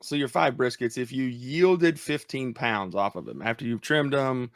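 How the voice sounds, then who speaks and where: A podcast host with a medium-pitched, lively voice chats casually and enthusiastically on a church podcast, especially when food comes up. He's laid-back and speaks at a normal speed, recorded in clean studio sound with no room noise.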